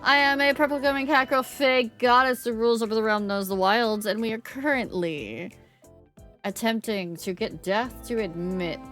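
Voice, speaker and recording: A woman's voice: a little high, normal speed, a bit bright, soft background music. A woman livestreamer chatting casually with viewers in a cute, bubbly, playful anime-streamer manner.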